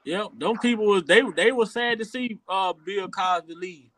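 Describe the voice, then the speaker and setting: A podcast host from rural Louisiana, USA, runs a casual opinion talk show, speaking earnestly and often repeating words as he builds toward a point. His high-pitched voice is fairly bright at a moderate pace, with no room sound.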